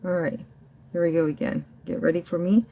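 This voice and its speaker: A woman's voice: fairly low pitch, fairly even intonation, fairly quick, gravelly, mellow. A woman working as a fitness instructor, coaching a home ab workout while demonstrating the floor exercises herself. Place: indoors at home.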